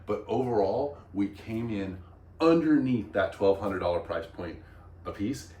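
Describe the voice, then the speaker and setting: A man's voice: lowish voice, lively intonation, a little slow, warm tone, distant mic. A man hosting a vlog, explaining things in casual chat with an enthusiastic, emphatic manner. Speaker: vlog host. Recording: roomy echo.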